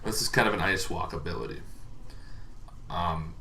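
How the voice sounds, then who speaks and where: With a low-pitched, expressive voice carrying vocal fry and a pushed, bright quality, a man speaks at normal speed. He's a dungeon master loosely explaining tabletop monster lore, unscripted, rambling and hesitant, with faint background noise.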